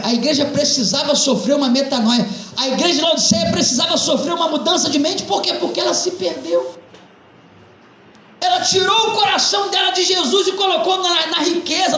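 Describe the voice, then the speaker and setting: A man preaching a fervent sermon as pastor, emphatic and at times shouting. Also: very high voice, very echoey, highs cut off, a little hiss or hum.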